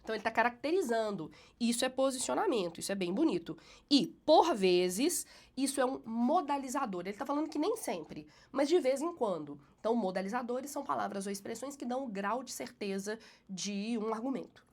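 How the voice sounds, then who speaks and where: A teacher with a cold, sounding a bit nasal, corrects a student's essay, slowing down to read passages aloud with emphatic rises before explaining briskly. Her voice is fairly high, animated, and darkish in tone.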